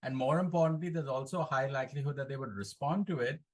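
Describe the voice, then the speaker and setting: A man talking on a group video call, explaining his approach in a steady way. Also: medium pitch, quick pace. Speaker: roundtable participant.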